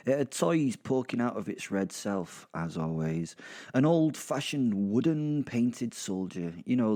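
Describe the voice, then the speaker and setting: A man with a British accent and a fairly low, slightly mellow voice narrates a horror audio drama in the first person. His storytelling is chatty and wry, with sweary asides.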